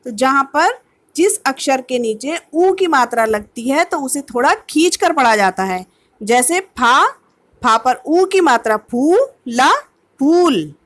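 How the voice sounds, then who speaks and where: A woman's voice: high voice, a bit bright. A woman teacher giving an online kindergarten lesson, patiently sounding out words syllable by syllable. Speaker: primary school teacher.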